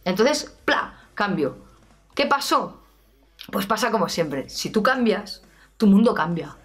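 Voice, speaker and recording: A woman's voice: medium pitch, big pitch swings, slow. Candid Spanish woman telling her story. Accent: Spanish from Spain. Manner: candid, emphatic, swears casually, many restarts. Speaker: rock singer and vocal coach. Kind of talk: casual personal storytelling to camera.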